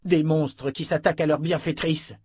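A man's voice: mid-range voice, steady tone, normal speed, breathy edge, no echo, clean studio sound, natural voice. A man voicing a hot-tempered young swordsman who speaks bluntly. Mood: angry. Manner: blunt, angry.

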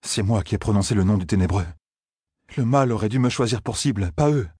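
A man's voice: fairly low pitch, a little fast, mellow, slightly rough, dry recording, studio quality. A man reading an audiobook, voicing a frightened young shepherd who talks with urgent, pleading worry. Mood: alarmed.

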